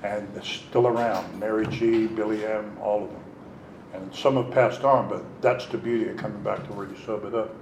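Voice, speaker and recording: A middle-aged man telling his recovery story at a meeting, candid and animated, acting out what others said. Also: on the low side, normal speed, echoey room, noisy background. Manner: candid, animated, acts out quotes. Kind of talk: personal storytelling.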